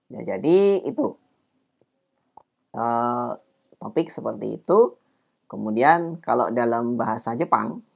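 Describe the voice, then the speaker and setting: A man teaching a Japanese grammar lesson in a casual explaining tone, reading example sentences aloud slowly. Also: medium pitch, gravelly.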